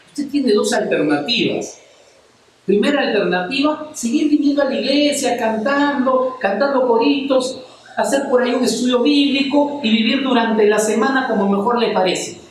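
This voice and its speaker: A man's voice: extremely high pitch, normal speed, a little hiss or hum. A man preaching a passionate sermon to a congregation, firing rhetorical questions at them as he speaks. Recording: very echoey church hall, mic at a distance.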